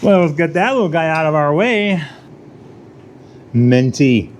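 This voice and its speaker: An unhurried man with a fairly high, animated voice runs his garage vlog, chatting to himself and viewers as he works. He mutters asides, sometimes whispers and jokes at his own expense, over a little hiss or hum.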